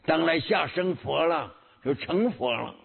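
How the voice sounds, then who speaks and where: A man preaches a Buddhist sermon in a slow, deliberate delivery, humming between phrases and going back over his key words. His voice sits high and swings widely in pitch, with a husky edge. It comes through a thin, phone-like recording. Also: lively intonation. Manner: slow, measured teaching with frequent hums and repetitions. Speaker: Buddhist teacher.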